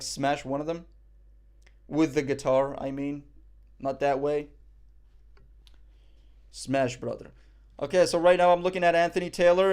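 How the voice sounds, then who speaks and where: A young Moroccan man with a somewhat high voice and darkish tone casually comments on a boxing event during a live stream. He rambles and jokes, with frequent swearing and fillers.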